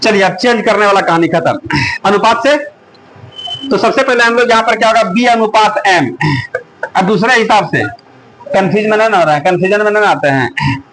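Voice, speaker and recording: This math teacher's high-pitched, slightly bright voice comes through a low-quality recording with a bit of hiss or hum. He lectures the class at a moderate pace with frequent pauses, coaxing them and asking again and again if it's clear.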